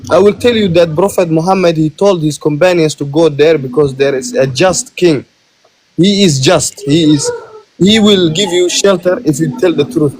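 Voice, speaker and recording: Halting man born in Ethiopia. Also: fairly high pitch, darkish tone, slightly rough, dry recording, poor audio. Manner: halting, repeats words when interrupted. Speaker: caller. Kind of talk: debate.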